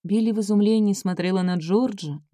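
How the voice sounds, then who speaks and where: A woman narrating an audiobook in a measured, scripted reading. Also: mid-range voice, warm tone, dry recording. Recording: dry close studio sound.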